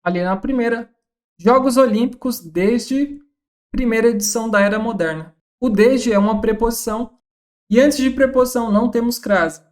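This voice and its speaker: A woman's voice: on the high side, normal speed, darkish tone. A woman with a Brazilian accent walking through exam questions as a Portuguese tutor, reading each question and methodically ruling out the answers. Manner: methodical, reads questions then rules out options. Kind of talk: scripted exam-question walkthrough.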